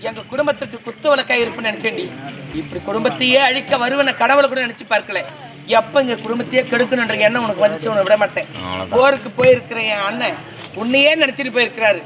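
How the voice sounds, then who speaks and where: A man's voice: very high voice, fast, noisy background. A man on a village stage playing a righteous sister-in-law who scolds and accuses. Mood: accusing. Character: stern righteous sister-in-law, young woman. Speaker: stage actor in female role. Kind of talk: village stage drama acting.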